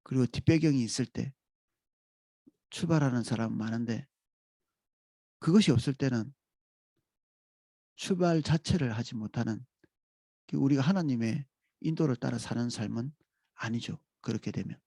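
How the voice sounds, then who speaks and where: Gravelly, calm Korean pastor. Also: male voice, mid-range voice, no room sound. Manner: calm, reflective, with pauses and restarts. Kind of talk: dawn sermon.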